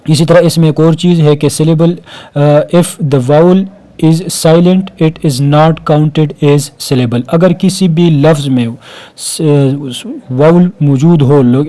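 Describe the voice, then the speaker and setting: A man's voice: on the high side, warm tone. A male teacher giving a recorded grammar lecture, explaining step by step and repeating words while counting their syllables, with frequent "uh" fillers and English terms mixed in. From Pakistan.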